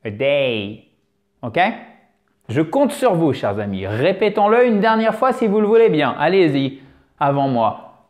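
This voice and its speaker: A French-speaking man hosting a video English lesson, voice sitting a touch high. He drills sounds with big, exaggerated swoops and lively emphasis, talking straight to his viewers. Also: measured pace. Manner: animated, exaggerated pronunciation drills. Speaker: English teacher.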